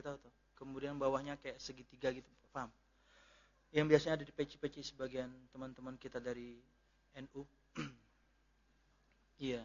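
Bright-voiced jokey preacher. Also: male voice, on the high side. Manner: jokey, chatty, laughs at his own jokes. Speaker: ustadz, Islamic preacher. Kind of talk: casual religious lecture with Q&A. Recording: dull lo-fi lecture recording.

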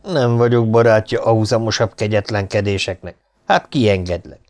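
A coarse, bullying legion sergeant from an audiobook , voiced by a male reader, blustering and hurling insults in a rough manner. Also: on the low side, a little mellow, close to an everyday voice. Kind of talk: audiobook character voice.

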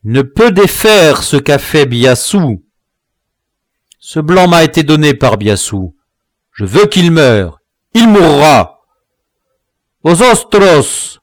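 A man reading an audiobook, voicing a vengeful dwarf villain who mixes Spanish words into his shrill cursing threats. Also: animated, takes it slowly, no echo, studio quality. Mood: furious. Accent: Spanish words mixed in. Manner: shrill, spitting curses and threats.

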